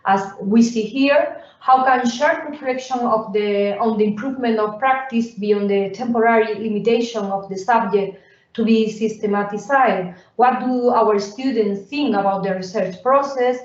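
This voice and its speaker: Female presenter, slightly high voice, hesitant delivery full of fillers, caught from a distance on a dull recording. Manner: halting, with many fillers and restarts. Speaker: presenter at a research workshop. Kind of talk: academic conference presentation. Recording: roomy, distant, dull sound.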